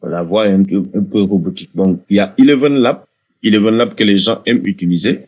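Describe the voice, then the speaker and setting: Low-voiced man guiding a software tutorial. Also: a little fast, breathy edge. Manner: hesitant, many fillers and restarts, addresses viewers directly. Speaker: tutorial host. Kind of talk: casual screen-recording tutorial.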